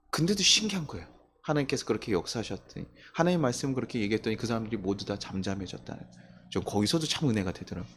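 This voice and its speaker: A man's voice: mid-range voice, slight background noise. A male pastor preaching a Sunday sermon in a church, acting out the voices of people in his stories. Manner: animated, acts out quoted voices of people. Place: church sanctuary.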